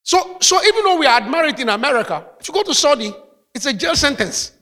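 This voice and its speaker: A man preaching to his congregation in a high, animated voice that rises and falls as he drives each point home. His bright tone rings out through a church hall with a long reverb, and he punctuates his teaching with calls of hallelujah. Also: quick pace. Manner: preaching with call-outs of hallelujah. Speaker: pastor. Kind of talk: sermon.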